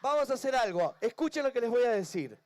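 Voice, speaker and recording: An Argentine Spanish-accented children's entertainer banters playfully with a crowd at an outdoor event. His voice is very high-pitched, swings widely in pitch, and moves quickly.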